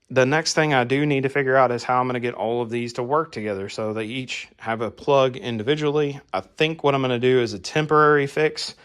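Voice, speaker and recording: A man giving a casual hands-on vlog narration inside a barn workshop, plain-spoken and thinking out loud. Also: medium pitch, clear, resonant tone. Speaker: host of a DIY garage channel.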